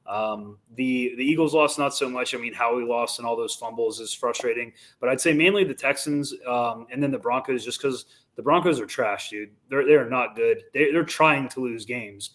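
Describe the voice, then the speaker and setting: A man's voice: mid-range voice, moderate pace, few pauses, fairly bright tone. A young man co-hosting a sports podcast, talking casually with slang and repeated words. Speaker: podcast co-host.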